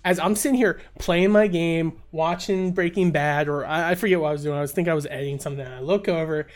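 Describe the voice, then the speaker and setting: A man's voice: on the high side, fast talker, faint music behind. A man in casual chat about TV shows, ranting with exasperation and acting out his own reactions. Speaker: podcast co-host.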